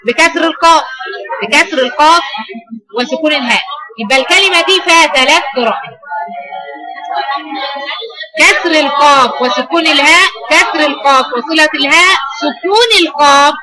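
A woman's voice: sits high, moderate pace, pauses often, over music, low-quality recording. A woman with an Egyptian accent teaching recitation variants, asking students questions and repeating their answers. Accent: Egyptian Arabic.

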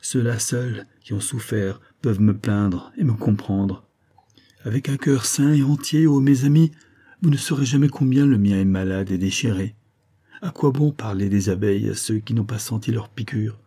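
A man's voice: on the low side, normal speed, warm tone. A man reading an audiobook, voicing a heartbroken young woman who laments to her companions. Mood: grieving. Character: young woman, grieving and lovesick.

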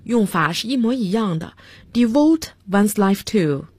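A woman with a slightly husky voice gives a radio English vocabulary lesson. She spells each word slowly, letter by letter, and explains it with examples. The sound is dry and close, with no room around it. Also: mid-range voice, expressive, a little mellow, no echo. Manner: spells words out letter by letter, slow and careful. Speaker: English teacher.

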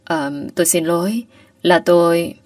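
A woman voicing a soft-spoken young male teacher. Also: fairly low pitch, fairly even intonation, measured pace, dry recording, clean studio sound, far from the mic, natural voice. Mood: apologetic. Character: gentle young man, a teacher in love.

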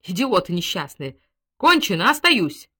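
Brash, domineering young woman in a storybook, put on by a woman reader; loud, bossy, swings widely in pitch. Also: big pitch swings, normal speed. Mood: angry, defiant.

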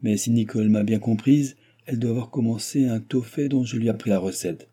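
A man's voice: medium pitch, brisk, dark tone, slightly rough, lightly acted. A man voicing a cool, composed young noblewoman who speaks coldly and tranquilly. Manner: cold and tranquil.

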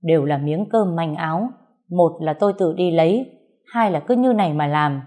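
A woman voicing a calm, proud male craftsman held captive, speaking curtly and evenly, in a storybook reading. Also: low-pitched. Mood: cool. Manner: cool, curt, measured.

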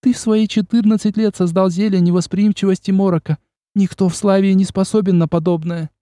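A fiery young noblewoman, as a male reader voices her, with a lifted, sharp delivery. The tone stays dark and mellow, recorded dry and close. She sounds proud and quick to flare. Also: high-pitched, steady tone, no echo, voice pushed up, close to an everyday voice. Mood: tearful. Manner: haughty, sharp and tearful by turns. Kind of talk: audiobook character voice.

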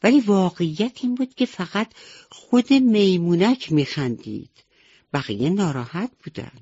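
A woman telling children's bedtime stories on the radio, gently and tenderly, speaking directly to the children. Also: on the low side, animated, husky, no room sound. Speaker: bedtime storyteller. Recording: dull lo-fi radio recording with faint music.

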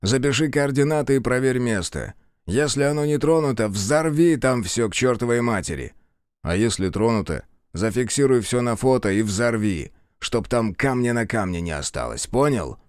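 A man voicing a gruff, short-tempered male general in his seventies who speaks slowly and barks orders in an audiobook. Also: medium pitch, animated, no room sound, studio quality, natural voice. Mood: stern. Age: 70s. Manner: slow, clipped, barking orders.

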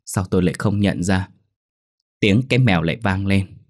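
Deep-voiced male horror storyteller. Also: moderate pace. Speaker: narrator. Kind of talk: first-person horror story narration. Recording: faint background music.

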